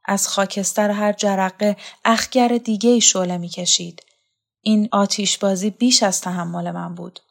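An earnest young man pleads with fervent longing, read by a woman narrator in her own voice. He sounds at a plain middle pitch, since the storybook reading hardly changes the voice. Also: fairly even intonation, gravelly. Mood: yearning.

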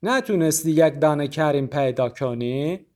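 A man voicing a chatty, nosy male shopkeeper who speaks Persian with a thick Azeri accent and a slow, drawn-out, teasing delivery. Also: on the high side, expressive, a little mellow, lightly acted. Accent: Azerbaijani Turkish (Azeri) accent in Persian.

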